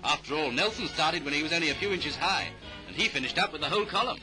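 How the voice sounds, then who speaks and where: This fast-talking British man, pitched on the high side with lively intonation, reads scripted 1930s newsreel narration in a clipped style. Music plays behind him on the vintage soundtrack, and the recording is rough.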